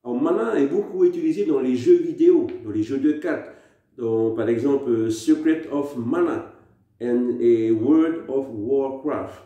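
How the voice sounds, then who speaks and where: A man's voice: mid-range voice, mellow. A man from French Polynesia hosting a casual language lesson, explaining words one at a time with frequent hesitations. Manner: slow word-by-word explanations with hesitations. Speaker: language channel host. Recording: very echoey room.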